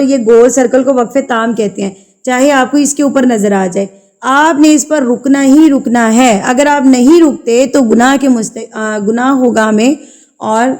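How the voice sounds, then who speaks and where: A woman teaching Quran recitation, chanting verses slowly and drawn out, then explaining the rules quickly and patiently, repeating key terms. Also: on the high side, vocal fry, darkish tone. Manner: patient instructional tone, repeats rule names. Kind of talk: tajweed lesson, slow drawn-out recitation with quick explanations in between.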